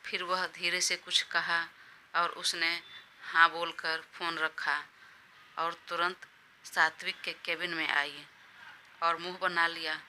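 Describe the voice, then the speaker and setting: A woman narrating a romance audio story in a steady, plain way. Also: lowish voice, slow, slight background noise.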